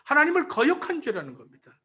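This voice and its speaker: A man's voice: very high-pitched, huge pitch swings, fast talker, pushed and bright. A male pastor giving a sermon, stressing his points by repeating them and calling out to the congregation. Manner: emphatic, repeats key phrases to explain them; calls out to the congregation.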